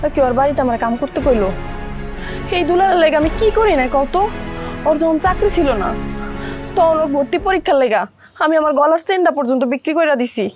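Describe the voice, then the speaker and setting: A woman's voice: high voice, expressive, brisk, darkish tone. A young woman, playing an outspoken, reproachful elder sister-in-law in a TV drama. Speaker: elder son's wife. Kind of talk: TV drama acting. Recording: music under the dialogue.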